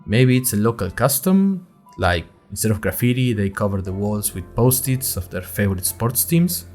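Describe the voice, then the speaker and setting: With faint music in the background, a man narrates an audio fiction podcast in a lowish, slightly mellow voice at normal speed, his pitch swinging widely. He portrays a talkative, anxious college student telling his own story wryly and dramatically, in a scripted, diary-like first-person format.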